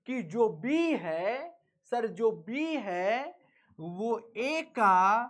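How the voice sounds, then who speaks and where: Male teacher, slow and deliberate, teasing, runs call-and-response drills. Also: high-pitched, a bit bright. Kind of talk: live online class lecture.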